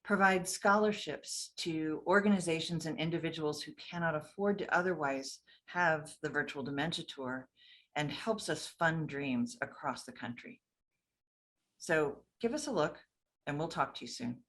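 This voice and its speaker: A woman host wrapping up an interview and reading a measured promotional sign-off. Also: deep voice, a bit bright.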